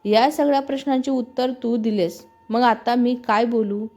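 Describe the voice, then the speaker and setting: A woman's voice: on the high side, fairly even intonation, moderate pace, warm tone, faint music behind, close to an everyday voice. A woman voicing a playful, teasing young man, the hero's best friend, in a storybook reading. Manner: teasing, mock-dramatic.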